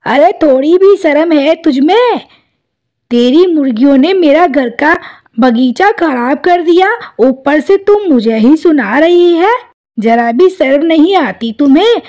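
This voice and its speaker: A woman voicing a cranky, scolding old grandmother sparrow in a cartoon, shouting at the hens in her garden. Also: high-pitched, animated, a little slow. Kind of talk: cartoon voice acting.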